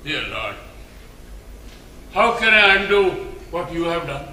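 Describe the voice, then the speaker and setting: A man playing a solemn divine healer, speaking slowly, gravely and deferentially. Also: fairly high pitch, big pitch swings, sharp tone, a little hiss or hum, heavily acted. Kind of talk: amateur stage drama. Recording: echoey hall, mic from a distance.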